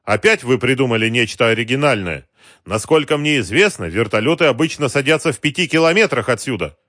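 A man's voice: a little high, big pitch swings, moderate pace, fairly bright tone, husky, dry recording, clean studio sound, voice pushed up, full character voice. A man voicing a haughty male company president who talks down to others. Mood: displeased. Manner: displeased, imperious.

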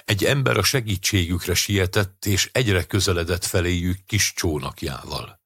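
A man reading a short story aloud as an audiobook narrator, in a steady, measured way. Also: low-pitched, husky, no room sound, clean studio sound.

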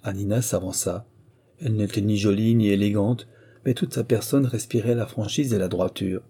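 A man narrating a classic novel as an audiobook, reading in a measured, even way. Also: on the low side, husky.

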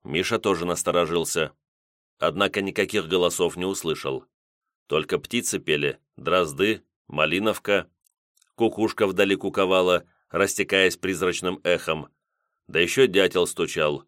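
A man narrating an audiobook in a measured storytelling manner. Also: deep voice, fairly bright tone, no echo, clean studio sound.

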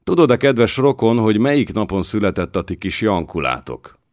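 A man's voice: lowish voice, sing-song, dry recording, studio quality, pitched above the performer's own voice. A man voicing a sly, scheming aging voivode with an insinuating manner in an audiobook.

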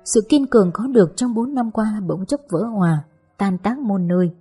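A woman narrating a first-person audiobook story in a gentle, wistful way. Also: medium pitch, lively intonation, normal speed, slightly rough, faint music behind.

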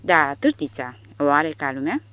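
Rich: A cheeky soldier trades crude jokes with a calm, deadpan delivery, as a woman reads him. The voice sits low, and the recording sounds dull and lo-fi. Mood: deadpan mocking.

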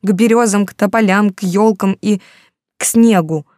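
Desperate young heroine, read by a woman, raised tearful pleading, warm dark tone, audiobook. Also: medium pitch, fairly even intonation, moderate pace, no room sound, clean studio sound, pitched above the performer's own voice, lightly acted. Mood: anguished.

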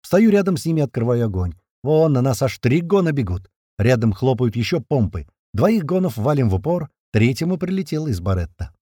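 A man's voice: mid-range voice, sing-song, fairly quick, mellow, no room sound, studio quality. A man narrating a first-person action audiobook in a terse, punchy, slangy manner.

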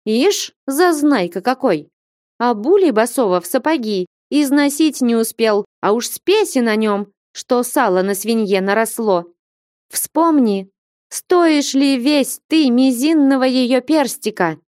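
A woman voicing a bold, impatient young woman who scolds and mocks in a raised, lively voice. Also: on the high side, measured pace, no room sound, studio quality, voice pushed up. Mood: scolding. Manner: scolding, insistent, mocking.

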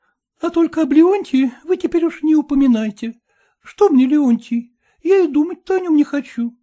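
A man reading aloud, voicing a coy, lively young factory girl in a raised voice. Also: very high voice, normal speed, voice pushed up.

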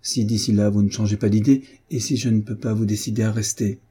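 A man's voice: lowish voice, steady tone, brisk, mellow, husky. A man doing an earnest pleading young woman.

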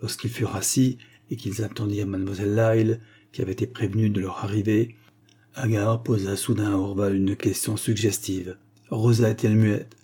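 A man reading an audiobook in a steady, even narration. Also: on the low side, brisk, husky.

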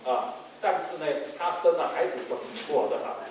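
A man preaching a sermon as pastor, lively and animated, acting out family members in quoted voices. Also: a little high, a little fast. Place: church hall. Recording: very echoey hall, mic far off, faint noise.

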